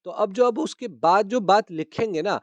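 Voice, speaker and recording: A male teacher with a slightly high voice explains a grammar lesson patiently. He repeats the key terms and keeps asking whether his students follow. The recording is close and dry. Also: no echo.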